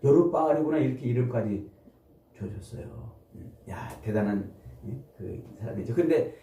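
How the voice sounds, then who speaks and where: A man's voice: lowish voice, lively intonation, normal speed, mellow. A middle-aged male pastor preaching, retelling a story and acting out the voices in it. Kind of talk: sermon. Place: church sanctuary. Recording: echoey room from a distance.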